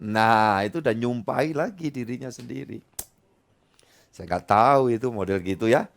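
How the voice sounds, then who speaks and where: A middle-aged man, preaching a sermon as pastor, swinging between loud high exclamations and quiet low asides. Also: normal speed, vocal fry, very noisy.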